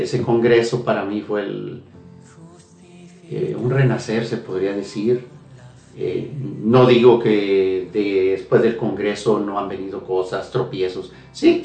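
A man's voice: fairly low pitch, gravelly, a little mellow. Earnest man giving a faith testimony. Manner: earnest, repeats phrases, many hesitations. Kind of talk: emotional spoken testimony. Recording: echoey room, heard from a distance, faint music.

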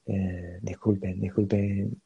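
A man's voice: sits low, little pitch movement, slow, vocal fry, warm tone, husky, highs cut off. A man hosting a live online show, chatty and hesitant, often repeating words as he introduces his guest. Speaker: livestream host. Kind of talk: casual live interview hosting.

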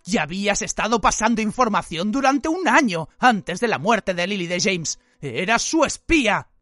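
A woman's voice: mid-range voice, animated, normal speed, fairly bright tone, no room sound, studio quality. A woman voicing an angry, vengeful man who bellows accusations. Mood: accusing. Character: furious vengeful grown man, harsh and accusing.

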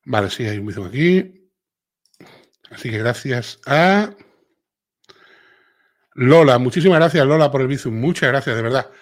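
Hosting a laid-back live chat, this middle-aged Sevillian man has a distinct Andalusian accent and a mid-range voice. He talks at a moderate pace with long pauses, reading out viewer comments and leaning on frequent filler tags and tag questions.

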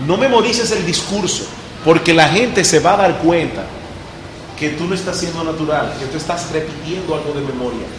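A man, a pastor, giving a lively classroom lecture on public speaking and talking straight to the students. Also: fairly high pitch, normal speed. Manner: lively teacher, addresses students directly. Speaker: pastor giving a guest talk. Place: school classroom. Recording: roomy classroom with background noise.

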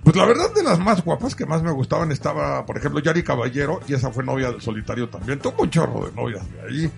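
A man's voice: medium pitch, big pitch swings, fast talker, gravelly, faint music behind. A middle-aged Mexican man hosting a show in casual, bantering conversation. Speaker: show host.

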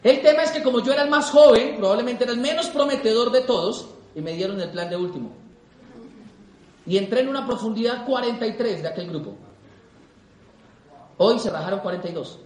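High-voiced man in echoey hall. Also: a little fast, long pauses. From Colombia. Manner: animated, repeats for emphasis, acts out quoted people. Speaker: motivational speaker. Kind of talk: business seminar talk to a live audience.

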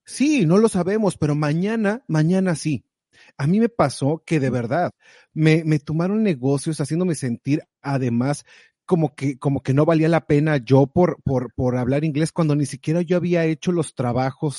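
A man sharing advice as a guest speaks lively and directly in a casual conversation, animatedly urging the listener on. His slightly high voice is warm and mellow at a moderate pace, recorded dry and close with no room echo.

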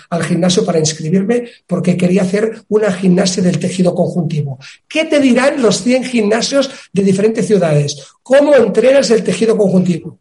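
A man's voice: high-pitched, warm tone. A man from explaining a fitness method in an interview, emphatic and acting out small dialogues. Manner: emphatic, acts out little dialogues. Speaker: fitness expert guest. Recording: roomy echo.

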